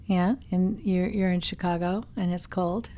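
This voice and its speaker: A woman's voice: on the low side, steady tone, a little slow, mellow. A woman co-hosting a podcast, chatting casually and teasing her partner as she explains design ideas. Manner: chatty, laughs easily, teasing. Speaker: podcast co-host. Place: home in Wisconsin.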